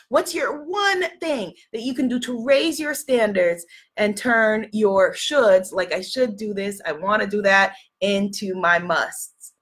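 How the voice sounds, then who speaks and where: On a live video stream, a woman with a medium-pitched, fairly bright, slightly rough voice works as a spiritual coach. Sniffling from a cold, she encouragingly reads viewer comments aloud and leads affirmations, repeating them.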